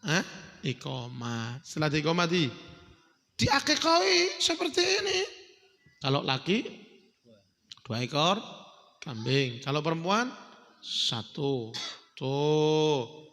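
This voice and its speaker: A male preacher, giving a lively, joking sermon at a family celebration and sometimes chanting. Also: fairly high pitch, slow pace, gravelly, long pauses. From Indonesia. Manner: animated, humorous, addresses the audience as "Pak", chants the call to prayer. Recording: echoey hall.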